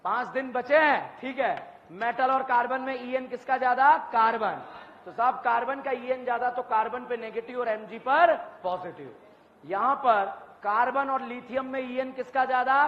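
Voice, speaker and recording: A man teaching chemistry in an exam-prep lecture, firing questions at students and repeating each answer back to them, with bursts of shouted emphasis. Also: very high-pitched. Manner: quizzing students, repeating answers with call-and-response. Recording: echoey hall, muffled lo-fi sound.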